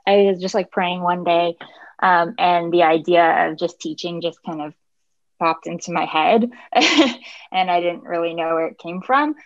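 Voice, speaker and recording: A young woman teacher telling how she came to teaching, hesitant, with many fillers and soft laughs. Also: fairly low pitch, no room sound, dull audio. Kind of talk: casual interview chat.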